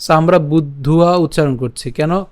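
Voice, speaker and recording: Man slowly chanting Sanskrit verses. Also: on the high side, darkish tone, no room sound. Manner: slow syllable-by-syllable chanting of verses; rapid channel intros and outros. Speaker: Sanskrit recitation teacher. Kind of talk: Gita pronunciation lesson.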